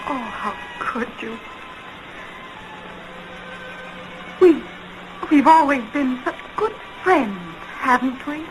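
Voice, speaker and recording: A woman playing an anguished, lovelorn woman in an early talkie film melodrama, pleading in halting, drawn-out phrases. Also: high-pitched, lively intonation, a little hiss or hum, poor audio. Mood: hurt, pleading. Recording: 1920s film soundtrack with loud music.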